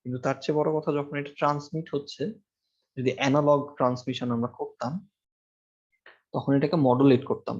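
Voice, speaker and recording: A man's voice: mid-range voice, a little mellow, lo-fi sound. A man teaching a university class through a microphone, explaining step by step and asking his students questions, with frequent fillers. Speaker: university lecturer. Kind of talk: classroom lecture. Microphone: microphone with amplifier in a classroom.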